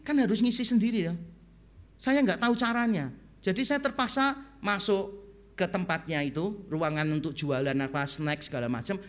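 A middle-aged man, preaching as a pastor and telling stories while talking straight to the congregation. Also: sits high. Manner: animated storyteller, keeps addressing the congregation directly. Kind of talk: sermon storytelling.

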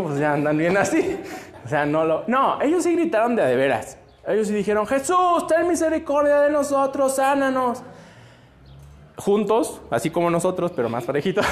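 High-voiced playful preacher man. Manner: playful, joking, quizzes the children. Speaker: children's preacher. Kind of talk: storytelling sermon for children.

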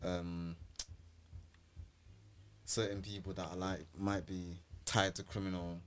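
A man's voice: low-pitched, level tone, takes it slowly, a little hiss or hum. A young man with a London accent, talking casually in slangy roadman style as a podcast co-host.

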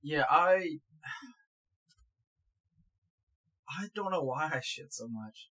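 A young man with a stutter, chatting casually as a podcast co-host, talking in halting bursts with many restarts. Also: on the high side, animated, pushed and bright, low-quality recording. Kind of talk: casual chat. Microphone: one shared mic.

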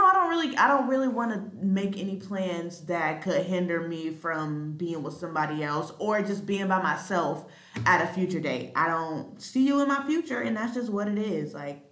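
A woman's voice: on the low side, echoey room. A woman in her late twenties hosting a solo podcast, talking bluntly and casually with plenty of swearing and ums. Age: late 20s. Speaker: podcast host. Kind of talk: candid solo podcast monologue.

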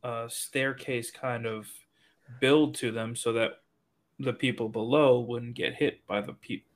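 A man's voice: mid-range voice, steady tone, a little slow. A man co-hosting a casual podcast chat, cracking playful jokes. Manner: jokey, playful wisecracks.

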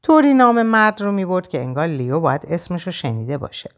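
A woman narrating an audiobook in an expressive, measured way. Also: on the low side.

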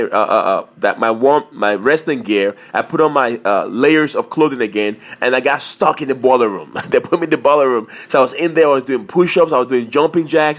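A man hosting a podcast, telling a personal story in an emphatic, repetitive way, often checking in with "okay?". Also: medium pitch. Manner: emphatic, repeats lines, keeps asking "okay?". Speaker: podcast host, personal trainer. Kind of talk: motivational storytelling monologue.

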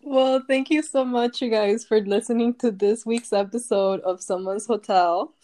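A woman's voice: fairly high pitch, steady tone, moderate pace, warm tone. A young woman co-hosting a podcast, chiming in to back up the story and signing off the episode. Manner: agreeable, chimes in to back up the story. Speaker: podcast co-host. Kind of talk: casual chat.

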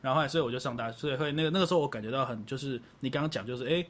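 A young man co-hosting a podcast, telling a family story in fast, self-mocking casual chat. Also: mid-range voice, fairly bright tone. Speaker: podcast co-host.

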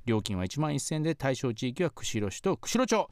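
A man's voice: medium pitch, sing-song, normal speed, clean tone, no echo, studio quality. A man hosting a radio show, reading a local item aloud and adding conversational, appreciative comments.

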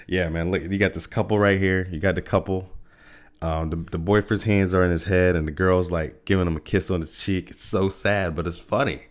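A man with a low, deep voice talks on his solo podcast in a loose, joking way. He laughs a lot and keeps restarting his sentences with repeated words. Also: fairly even intonation, a little fast. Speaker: podcast host. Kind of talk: casual solo podcast chat.

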